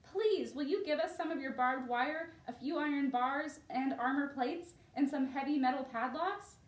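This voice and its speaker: Woman as a high-pitched, childlike little wolf. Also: moderate pace, echoey room, natural voice. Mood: eager pleading. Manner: pleading, emphatic, childlike. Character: three frightened but defiant little wolves.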